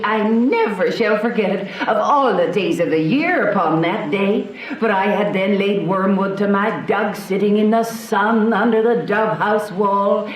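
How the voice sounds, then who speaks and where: An actress playing a talkative, bawdy old nurse who rambles and repeats herself in a Shakespearean radio drama. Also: female voice, a little high, natural voice. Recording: roomy echo, faint background noise.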